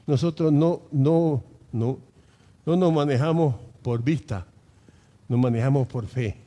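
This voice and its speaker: A man's voice: mid-range voice, warm tone, long reverb tail. A male pastor preaching a sermon, emphatic and full of rhetorical questions.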